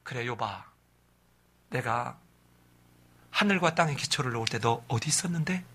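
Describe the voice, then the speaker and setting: A man acting out God, who sternly quizzes and scolds a suffering man with sharp, mocking questions. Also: medium pitch, expressive, normal speed, slightly rough, voice pushed down. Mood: challenging.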